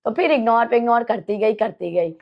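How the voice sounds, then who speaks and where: A young woman telling a ghost story in a casual, animated way, acting out scenes as she goes. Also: a little high, brisk, dull audio. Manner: animated, acts out scenes and quotes.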